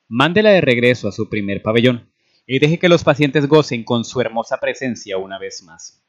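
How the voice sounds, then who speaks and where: A man's voice: mid-range voice, no room sound, lightly acted. A man reading aloud and voicing a stern, irritable army major who talks in an impatient, commanding way. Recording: dull lo-fi recording.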